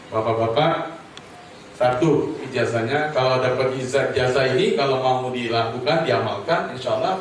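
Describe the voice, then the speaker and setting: A man's voice: mid-range voice, a little hiss or hum. Joking preacher man, echoey and distant. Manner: jokey storyteller who addresses the audience directly and leads them in recitation. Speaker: Islamic preacher. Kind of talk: humorous sermon at a community gathering. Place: home gathering with an audience. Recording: very echoey, distant mic, crowd audible.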